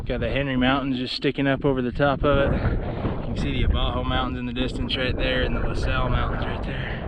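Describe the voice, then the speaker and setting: A man's voice: mid-range voice, little pitch movement, brisk. A man giving a casual, folksy and enthusiastic outdoor vlog narration out in the open. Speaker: outdoor adventure vlogger. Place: outdoors in windy open desert. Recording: dull audio with loud wind noise. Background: blowing wind.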